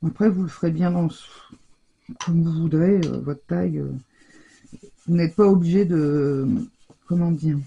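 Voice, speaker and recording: Chatty woman, low husky dark voice. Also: measured pace, long pauses, highs cut off. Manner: chatty, hesitant, many fillers and restarts; stumbles over English product names. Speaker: scrapbooking crafter demonstrating. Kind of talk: casual craft tutorial.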